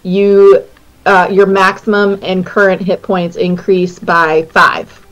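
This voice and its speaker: Woman player with a medium-pitched voice. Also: flat delivery, takes it slowly, a bit bright, rough recording. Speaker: tabletop game player. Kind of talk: casual game chat.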